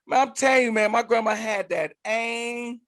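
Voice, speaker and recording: Man, high voice, animated profane storytelling, laughs a lot, casual podcast chat. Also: moderate pace. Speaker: podcast co-host.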